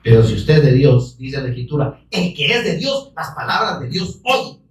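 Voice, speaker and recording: A man delivers a fervent sermon, swinging into shouts and pressing his listeners with questions. He sounds set back from the microphone. The room rings with echo around him. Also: a little high, big pitch swings, moderate pace, far from the mic. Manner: fervent, bursts into shouting, pleads with rhetorical questions. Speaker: preacher. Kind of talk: evangelical sermon.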